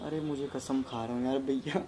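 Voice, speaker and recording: A man's voice: mid-range voice, fairly even intonation, fairly quick. A young man pleading and denying, half laughing as he protests. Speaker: prank video creator. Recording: loud background noise.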